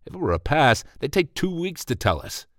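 A man's voice: fairly high pitch, big pitch swings, brisk, a bit bright, no room sound, studio quality, pitched above the performer's own voice. A man voicing a cool, confident male hustler with an unbothered drawl. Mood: cool, smug.

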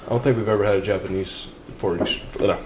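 A man's voice: on the low side, steady tone, fast talker, heavy background noise. A man co-hosting a podcast in casual chat, rambling and hesitant with a jokey streak. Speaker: podcast co-host.

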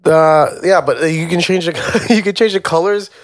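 A man's voice: on the high side, moderate pace, no echo, studio quality. A man co-hosting a podcast and talking casually about music production, playful and prone to rambling. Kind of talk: casual chat.

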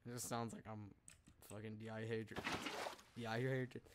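A man's voice: fairly low pitch, little pitch movement, moderate pace. Foul-mouthed male gamer, noisy mic. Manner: crude, heavy swearing, bantering. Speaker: gaming podcast co-host. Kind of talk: casual chat while gaming.

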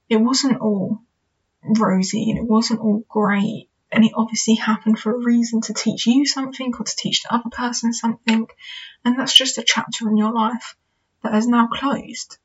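Young woman host, casual reflective solo talk, slightly high husky voice, muffled recording. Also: fairly even intonation, normal speed. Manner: chatty, candid, reflective, with fillers like "you know" and "kind of". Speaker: podcast host. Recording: dull lo-fi recording.

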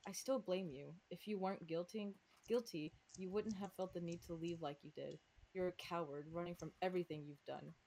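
A woman with a slight lisp reading the lines of an angry young woman who accuses a friend of cowardice, in her own low voice. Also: brisk, mellow, poor audio. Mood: accusing.

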